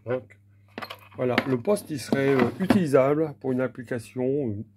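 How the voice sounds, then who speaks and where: This recording is very noisy as a mid-range male voice, at a moderate pace, presents a hands-on demo of old gear. The hobbyist explains plainly, a little hesitant and off the cuff.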